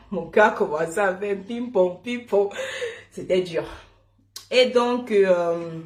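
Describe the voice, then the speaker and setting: A woman recounts a personal story in a lively, casual way, laughing often and addressing her listeners directly. Her voice has a middling pitch and sounds echoey, as if recorded in a bare room. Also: slow. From Cameroon. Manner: lively and chatty, often laughing, calls listeners "mon frère".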